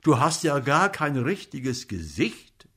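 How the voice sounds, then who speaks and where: A man voicing an agitated, boozy male comic actor who fusses loudly over a sick friend. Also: slow pace, husky, exaggerated voice. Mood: fussing. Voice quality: loud, excitable, high-pitched.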